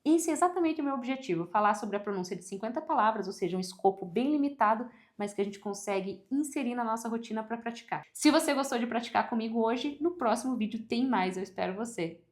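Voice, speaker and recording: Woman, pronunciation mentor, fairly high voice, upbeat coaching, repeat-after-me drills. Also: expressive, fast talker, hardly any pauses. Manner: upbeat, demonstrative, coaching the viewer directly.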